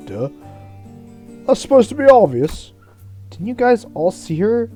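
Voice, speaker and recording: A man voicing a brash young man who teases loudly in slang. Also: high-pitched, sing-song, measured pace, soft background music. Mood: teasing. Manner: loud, mocking, slangy.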